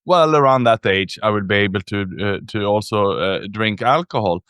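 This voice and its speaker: A man from Sweden, a native Swedish speaker, talking in English as a podcast guest, telling his story reflectively with frequent pauses and restarts. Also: on the low side, fairly bright tone, smooth, no echo, studio quality. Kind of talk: casual interview storytelling.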